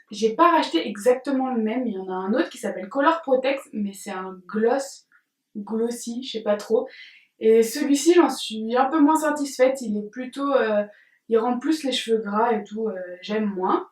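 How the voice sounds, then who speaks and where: A woman's voice: a little high, moderate pace, recorded from a distance. A young woman from France reviewing used-up beauty products in a casual, chatty way, with frequent hesitations. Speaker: beauty vlogger. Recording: roomy, from off the mic.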